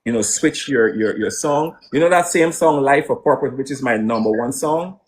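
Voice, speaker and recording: Musician from Guyana, halting and rambling. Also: male voice, medium pitch, slight background noise. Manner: rambling, hesitant with many restarts. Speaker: musician guest. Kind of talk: casual interview answers.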